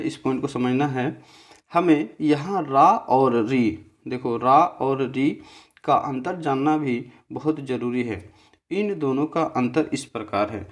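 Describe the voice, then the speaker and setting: A man's voice: mid-range voice, darkish tone. A man teaching a grammar lesson over a slide, explaining step by step and often checking in with his listeners. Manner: slow, repetitive, checks in with "theek hai"; spells out syllables slowly.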